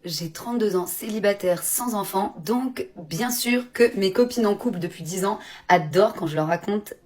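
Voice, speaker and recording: A woman in her thirties chatting to camera in a playful, teasing way. She comes back to the same refrain again and again and laughs along the way, in a middle-pitched voice. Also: normal speed, a little mellow. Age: 30s. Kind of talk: casual monologue to camera.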